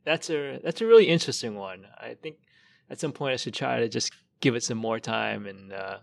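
A man talking as a guest on a podcast, recounting things in a relaxed, thoughtful way with fillers. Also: medium pitch, brisk, gravelly, no echo. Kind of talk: casual chat.

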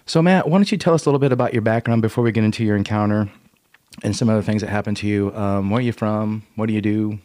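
A man's voice: fairly low pitch, quick pace, darkish tone. A man co-hosting a podcast, chatting casually and asking questions in an easygoing way. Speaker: podcast co-host.

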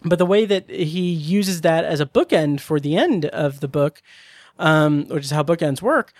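This is a chatty male podcast co-host with a higher-pitched voice, swearing casually and rambling through his thoughts. The sound is close and dry, with no room echo. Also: lively intonation, moderate pace. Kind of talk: casual chat.

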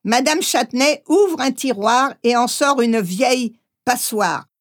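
Female memoir narrator, high voice, slow, measured first-person reading. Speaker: audiobook narrator.

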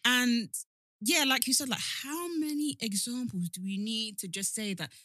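A woman's voice: a little high, moderate pace, sharp tone, no room sound, studio quality. A woman with a London British accent co-hosting a casual, opinionated chat, speaking emphatically and repeating words for emphasis. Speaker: podcast co-host.

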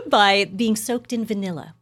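A woman talking about chocolate in an enthusiastic, effusive way, laughing often and leaping up in pitch when excited. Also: unhurried. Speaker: chocolate wholesaler and marketer, guest. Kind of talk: enthusiastic casual chat.

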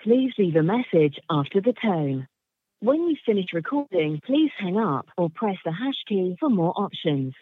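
A woman giving a recorded voicemail service announcement over a landline phone, slow, measured and formal. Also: fairly low pitch, big pitch swings, breathy edge. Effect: recorded phone-system announcement over a landline phone. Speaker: automated voicemail greeting. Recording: tinny phone line, dry.

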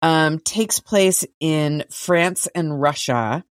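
A woman co-hosting a podcast, chatting casually about TV shows in a relaxed way, now and then swearing. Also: deep voice, extremely slow, smooth, dry recording, studio quality. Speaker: podcast co-host.

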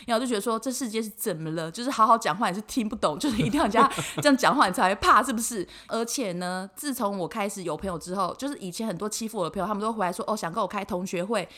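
Taiwanese woman in her 20s, podcast chat, talks super fast and bright, acts out what people said. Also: mid-range voice. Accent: Taiwanese Mandarin. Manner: candid storytelling, acts out quoted lines. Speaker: podcast co-host. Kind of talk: casual chat.

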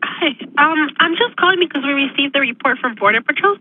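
Quick, high-voiced dispatcher woman on the phone. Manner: calm, persistent questioning. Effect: heard over a phone line. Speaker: sheriff's office dispatcher. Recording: tinny phone line with faint noise.

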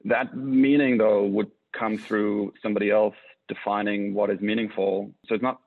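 A man's voice: lowish voice, flat delivery, moderate pace, dry recording. A man interviewing a guest, asking probing questions in a conversational way. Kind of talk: radio interview. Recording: dry, phone-like, narrow band.

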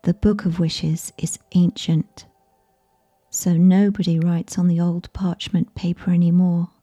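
A woman reads a sleep story softly, as if right in your ear. Her voice is very dark and mellow, breathy and half-whispered. She takes her time with every phrase, keeping it gentle and soothing. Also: fairly low pitch, little pitch movement, a little slow. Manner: whispery, close in the listener's ear. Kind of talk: soft ASMR scripted bedtime narration.

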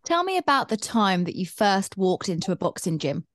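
A woman interviewer leads the conversation with upbeat, friendly questions. Her voice sits at a middle pitch. It is recorded dry, with no room echo. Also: sing-song, moderate pace, fairly bright tone.

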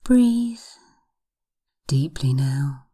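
A woman leading a guided hypnosis in a soft, breathy, half-whispered spa voice, soothing, with drawn-out phrases and long pauses. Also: very deep voice, sing-song. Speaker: hypnotherapist podcast host.

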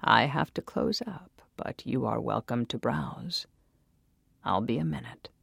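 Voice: mid-range voice, expressive, creaky, slightly rough, no room sound, clean studio sound, full character voice. Narrator whispering as a gaunt creepy shopkeeper man. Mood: hushed. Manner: hushed whispery, slow and coaxing. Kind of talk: storytelling voice acting.

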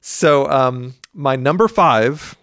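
A man's voice: mid-range voice, slow, a bit bright, clean tone, no echo, studio quality. A man hosting a music podcast in casual, enthusiastic chat, often rephrasing himself.

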